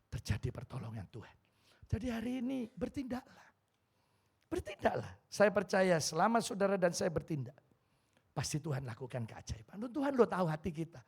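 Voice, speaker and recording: A man's voice: a little high, gravelly, husky. A middle-aged man with an East Javanese accent preaching a humorous sermon, telling stories and acting out the voices of the people in them. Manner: animated storytelling, switches into Javanese voices for quoted people. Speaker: pastor. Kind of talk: humorous sermon with acted dialogue. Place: church hall.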